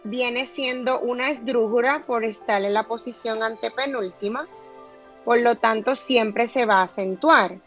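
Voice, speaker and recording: A woman teacher giving a recorded grammar lesson, stressing each syllable slowly and deliberately. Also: a little high, lo-fi sound, soft background music.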